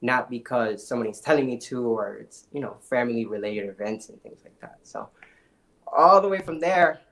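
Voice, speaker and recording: A young man from the Dominican Republic, telling his life story as a podcast guest in an energetic, emphatic way. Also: mid-range voice, moderate pace. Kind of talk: casual interview storytelling.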